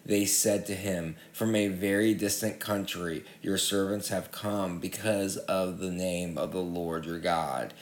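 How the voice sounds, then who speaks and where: A man giving a measured, steady public reading of Bible passages. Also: sits low, echoey room. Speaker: scripture reader.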